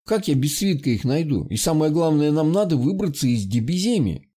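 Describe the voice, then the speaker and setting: A man's voice: on the high side, big pitch swings, a little fast, mellow, breathy edge, pitched above the performer's own voice. A man voicing an anxious, questioning young hero in an audiobook, raising his voice with urgency. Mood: worried.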